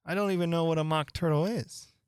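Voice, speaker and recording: A reader voicing a polite, puzzled young girl who answers softly and hesitantly. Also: mid-range voice, steady tone, fairly quick, clear, resonant tone, dry recording, clean studio sound, pitched above the performer's own voice, close to an everyday voice. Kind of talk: audiobook character voice.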